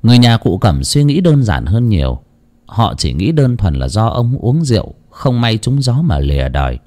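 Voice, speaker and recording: A man narrating a village horror story in an expressive, dramatic way, dropping to hushed lows and rising for emphasis. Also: moderate pace. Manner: expressive, swings between hushed low and raised tones.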